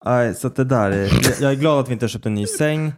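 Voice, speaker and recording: A man's voice: medium pitch, a little mellow. A young man from Sweden co-hosting a podcast, telling parenting stories in casual chat, swearing and laughing often. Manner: swearing, laughing, rambling storyteller. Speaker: podcast co-host.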